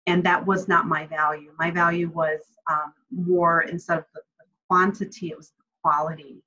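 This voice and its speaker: Speaking from a room at home over a video call, a guest speaker answers audience questions in a friendly, reflective way, with frequent ums. Her voice is on the low side, level, pushed and bright, at normal speed. The webcam audio is slightly muffled with a little background noise.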